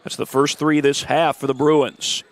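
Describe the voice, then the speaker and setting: A congested man with the flu calls steady, informative play-by-play of a high school girls' basketball game, slightly slow, with stat and schedule asides. Faint gym ambience and a bouncing ball sit in the background.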